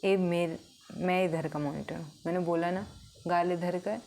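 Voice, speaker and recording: A woman's voice: fairly low pitch, steady tone, measured pace, a little mellow, a little hiss or hum. A woman voicing a bossy schoolboy class monitor who pushes another boy around.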